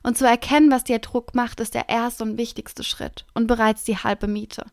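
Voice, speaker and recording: A woman speaking as a self-help coach, guiding the listener through calm self-reflection in a gentle, encouraging way that often drops into a soft whisper. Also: on the high side, moderate pace, creaky, dry recording, studio quality. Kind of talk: guided self-reflection talk.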